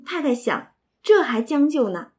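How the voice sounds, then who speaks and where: A woman's voice: high-pitched, sing-song, measured pace. A woman voicing a playful teenage boy who likes to tell tall tales, teasing and boastful.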